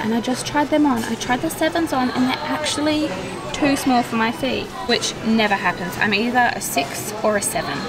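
A young adult Australian woman vlogs her way through a busy department store, chatting casually and gushing with enthusiasm. Her voice sits a little high with vocal fry, and there's heavy background noise. She's recorded on a handheld camera held at arm's length.

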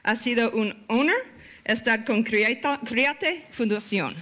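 A middle-aged American woman, a native English speaker, giving a conference talk in halting Spanish with an American accent, on a headset mic. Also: a little high, sharp tone. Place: indoor conference stage.

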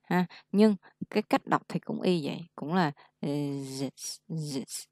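A young woman tutoring English pronunciation one-on-one, correcting patiently and modelling words slowly. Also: deep voice, dark tone, no room sound, studio quality.

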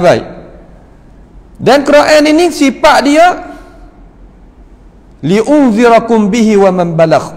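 A man's voice: sits high, a little mellow, long reverb tail. A man with a Kelantan-Patani Malay accent teaching Quran commentary in a mosque, telling stories and reciting Arabic verses before explaining them. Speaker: religious teacher.

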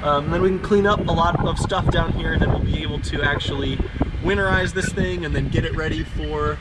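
A young man in his twenties talks through repairs in a relaxed, joking vlog manner. His voice sits fairly high for a man. Clear background noise from the outdoors and the vehicle sits under his words. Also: fairly quick. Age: 20s. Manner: joking, laid-back explaining. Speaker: co-host renovating an RV. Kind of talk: casual vlog chat. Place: under and inside an old RV, outdoors and in.

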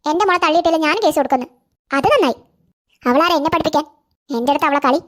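A woman with a high, slightly bright voice does cartoon voice acting as a scheming, boastful stepmother. She sounds spiteful and scornful, boasting in rapid-fire delivery.

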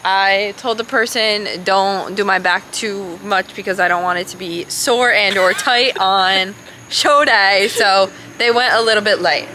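A woman's voice: mid-range voice, a little slow, bright, forceful tone, a little hiss or hum. Bubbly young woman vlogging on a camera stick. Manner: bubbly, chatty, says "super" and "literally" a lot. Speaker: fitness vlogger. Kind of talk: casual vlog. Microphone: handheld camera on a stick.

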